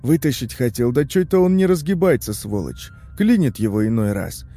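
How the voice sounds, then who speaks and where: A man voicing a nervous old man with a prosthetic leg, hoarse and folksy, mumbling his requests. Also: medium pitch, big pitch swings, moderate pace, warm tone. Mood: wheedling. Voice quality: hoarse, cackling. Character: old male floor-dweller with a prosthetic leg, nervous, wheedling.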